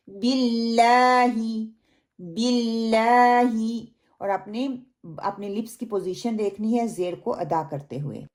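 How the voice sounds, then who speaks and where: A woman's voice: medium pitch, dark tone. A woman teaching Quran pronunciation in a recorded lesson, explaining patiently and drawing out words to demonstrate them. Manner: slow, patient explanation with drawn-out demonstrated recitation.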